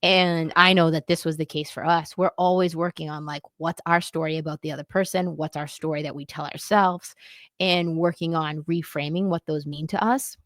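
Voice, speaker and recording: A woman co-hosts a candid, casual conversation, her voice sitting notably low for a woman. She speaks earnestly and reflectively, with loose, easygoing phrasing. The sound is close and dry, with no room echo. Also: steady tone, moderate pace. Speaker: podcast co-host. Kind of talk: candid casual chat about marriage.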